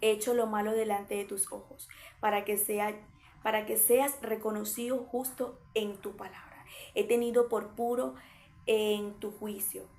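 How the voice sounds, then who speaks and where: A woman's voice: mid-range voice, little pitch movement, measured pace, darkish tone. A woman preaching a sermon, reading scripture and explaining it with everyday examples, repeating phrases for emphasis.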